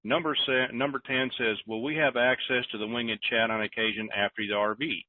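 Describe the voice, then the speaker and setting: Reading out questions from listeners, this conference-call host replies with rambling, jokey self-deprecation in a mid-range, fairly even voice at a fairly quick pace. There's no room sound, and the audio has a tinny phone-line quality.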